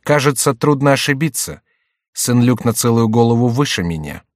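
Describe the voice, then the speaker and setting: Man reading as an imperious young duke, cold and commanding, pitched up, dry read. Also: lively intonation, normal speed, no room sound, lightly acted. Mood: haughty. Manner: stern, menacing. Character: haughty young royal duke, stern and imperious.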